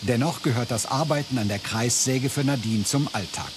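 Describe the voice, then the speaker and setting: A man delivering clear, measured scripted narration for a documentary. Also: mid-range voice, over music.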